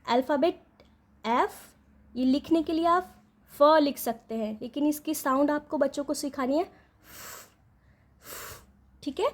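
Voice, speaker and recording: Woman, high-pitched, patient phonics teacher, repeats sounds slowly, keeps checking in. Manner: patient, checks in with "ठीक है?" after each point; repeats and draws out each letter sound slowly. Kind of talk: instructional explainer.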